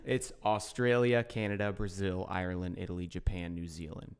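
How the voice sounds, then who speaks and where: Easygoing young man, lowish voice. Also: moderate pace, a little mellow, clean tone. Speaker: podcast co-host. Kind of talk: casual chat.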